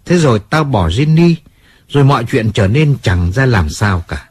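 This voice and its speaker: A man's voice: mid-range voice, very animated, moderate pace, a little mellow, husky, no room sound. A man reading a moody hard-drinking singer. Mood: pleading. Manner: emotional, swearing, apologetic. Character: hot-tempered male singer, drinking, self-pitying.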